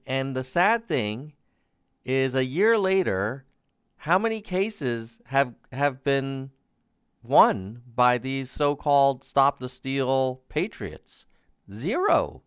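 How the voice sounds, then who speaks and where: Man, sarcastic political streamer, smooth clear voice, unhurried pace, incredulous, emphatic repetition. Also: medium pitch, very animated, no room sound, clean studio sound. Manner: emphatic, repeats key phrases. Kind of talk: live-stream political commentary, reading documents aloud.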